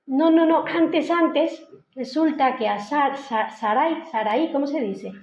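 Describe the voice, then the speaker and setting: Brief: woman, conversational lay preacher, slightly high voice, muffled echoey hall sound. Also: slow pace, darkish tone, slight background noise. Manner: conversational, retells the story in her own words with frequent "¿no?" tags. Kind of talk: informal church sermon. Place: church hall.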